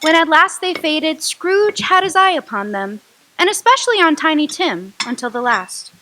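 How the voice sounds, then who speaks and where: A woman narrating a radio drama with expressive storytelling. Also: sits high, low-quality recording.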